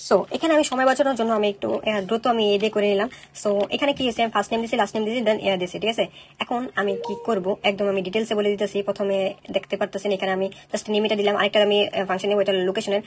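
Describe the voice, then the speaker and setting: A woman teaching a coding tutorial, talking fast and checking in with listeners after each step. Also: medium pitch, steady tone, a little hiss or hum. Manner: rapid, keeps checking in with "okay?". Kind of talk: screen-recorded coding tutorial.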